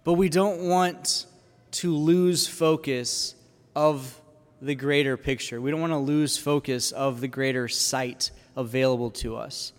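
A man preaching a sermon in an animated, conversational way, full of casual fillers. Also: medium pitch, measured pace, big-room sound. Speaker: priest. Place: church.

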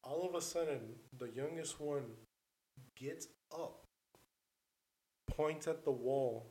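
A man's voice: a little high, takes it slowly, dark tone. A man telling a story in a casual podcast chat, rambling and loose, full of filler words and swearing. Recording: roomy echo.

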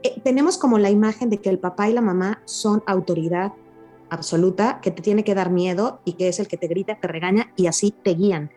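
A woman hosting a casual conversation about parenting, expressive and animated as she recalls family scenes. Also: medium pitch, fairly quick, faint music behind. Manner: expressive, acts out relatives' scolding voices. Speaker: host.

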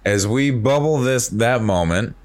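A man's voice: mid-range voice, expressive, measured pace. A man hosting a podcast, talking in a rambling, reflective way with many restarts. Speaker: podcast host. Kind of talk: casual chat.

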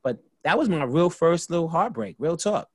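A man's voice: a little high, moderate pace, breathy edge, dry recording. A middle-aged man, a podcast co-host telling a personal story with lots of "you know" fillers. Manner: animated storyteller, acts out quoted voices, many "you know" fillers. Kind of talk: storytelling chat.

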